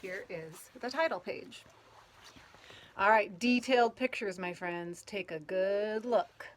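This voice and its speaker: A woman reads a children's picture book aloud with expressive storytelling, stretching out words and having fun with the sound words. Her mid-range voice moves slowly, and a little hiss or hum sits under the recording.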